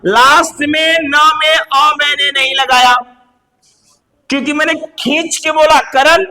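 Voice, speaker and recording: A young man teaching a class of children, speaking loudly, calling on students and slowly repeating sounds. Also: very high-pitched, fairly even intonation, big-room sound, rough recording. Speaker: English teacher.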